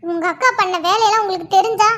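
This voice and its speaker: Give me a woman playing a furious young cartoon wife with a very high voice, scornful and accusing. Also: fairly even intonation, fast, pushed and bright. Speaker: cartoon character voice. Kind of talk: cartoon drama dialogue.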